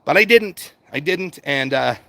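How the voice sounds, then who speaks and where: A middle-aged American man hosts a casual livestream, reading out viewer comments and answering them in rambling, repetitive, unscripted chat with some swearing. His voice sits fairly high, with lively intonation and a slightly slow, creaky delivery. The tone is a bit bright and the recording is dry.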